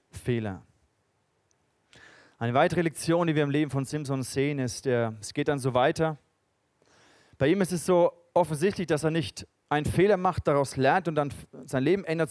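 A man preaching a sermon in German, retelling stories with loud bursts and quiet asides. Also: medium pitch, no echo.

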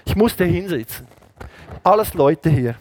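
A middle-aged man preaching an animated sermon full of stories, jumping between loud outbursts and hushed asides. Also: high-pitched, unhurried. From Switzerland. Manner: animated, switches between shouting and hushed quoted voices. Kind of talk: lively sermon with anecdotes.

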